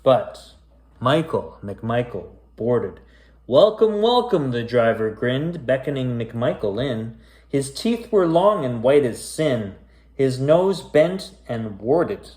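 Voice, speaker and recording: A man reads a children's bedtime story aloud with theatrical, drawn-out, suspenseful drama, dropping in casual asides. His medium-pitched voice is expressive with a darkish tone, and the recording sounds roomy and echoey.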